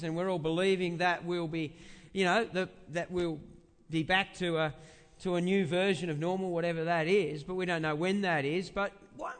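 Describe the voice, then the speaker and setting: The pastor's voice is big, high-pitched and fairly bright. In a conversational sermon, he repeats phrases haltingly for emphasis and asks rhetorical questions, with the hall-like reverberation of a spacious church around him.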